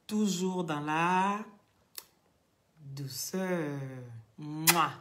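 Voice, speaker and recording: A hoarse woman hosts a live stream. She rants loudly and mockingly, laughing often, and her voice is worn from talking. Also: low-pitched, drawn-out words, background noise. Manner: loud, taunting, laughing often. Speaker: social media live streamer.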